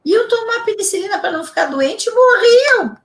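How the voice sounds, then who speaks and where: Lively woman telling stories. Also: very high voice, moderate pace, a little hiss or hum. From Rio Grande do Sul, Brazil. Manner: animated, emphatic storytelling with repetitions. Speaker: integrative therapist guest. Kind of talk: casual interview chat.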